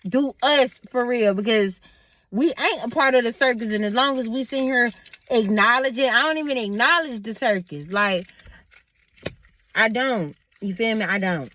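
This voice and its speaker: Emphatic woman vlogger with a higher voice. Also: normal speed, bright, forceful tone. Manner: emphatic, preachy, addresses viewers directly. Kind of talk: casual vlog monologue.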